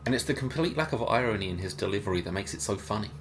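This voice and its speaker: A man's voice: lowish voice, animated, rapid-fire, slight background noise. A man co-hosting a scripted film review show, reading his part with a dry, wry delivery.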